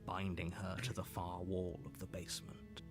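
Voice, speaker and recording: A male actor plays a stern narrator in a dark storybook video game. His voice is low and grave, with deliberate, disapproving delivery. Loud music runs behind him. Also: monotone, natural voice. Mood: grave, insistent.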